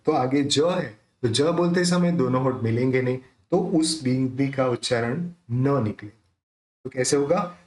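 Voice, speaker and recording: A man teaching pronunciation of a devotional hymn, explaining patiently and then reciting its verses slowly, syllable by syllable. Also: a little high, echoey room. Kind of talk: pronunciation lesson with slow chanted recitation.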